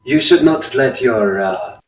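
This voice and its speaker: A man's voice: mid-range voice, lively intonation, takes it slowly, far from the mic, a little hiss or hum. Brief: man playing a haughty harbor dockmaster, wobbly Spanish accent, roomy sound from off-mic. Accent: attempted Spanish accent. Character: haughty male dockmaster, pushy with strangers.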